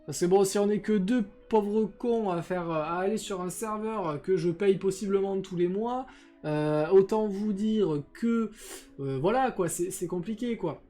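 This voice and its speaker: A man's voice: high voice, unhurried, dark tone, faint music behind. Young man rambling on a live stream. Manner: rambling, full of hesitations and crude slang. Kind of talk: casual live-stream chat. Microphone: desk microphone with noise filters.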